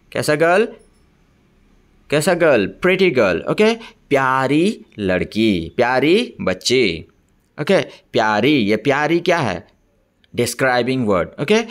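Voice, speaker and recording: Slow-paced man teaching young children. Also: medium pitch. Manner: repeats questions to young children, frequent "okay?" checks. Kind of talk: bilingual classroom lesson.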